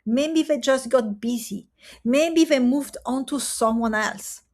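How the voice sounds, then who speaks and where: A woman with a fairly high voice gives earnest, emphatic coaching talk straight to the camera, using rhetorical pauses. Her first languages are Italian and French.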